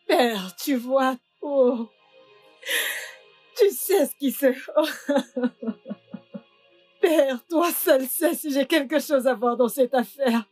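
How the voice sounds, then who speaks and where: A woman's voice: high voice, a little mellow. An actress dubbing a distressed woman who pleads her innocence and prays tearfully. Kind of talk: dubbed film drama.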